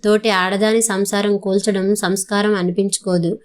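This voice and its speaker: A woman voicing a sharp-tongued, quarrelsome young woman in a storybook reading, with a smooth, fairly flat voice. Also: mid-range voice, moderate pace, lightly acted. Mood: scornful. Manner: scornful, quarrelsome.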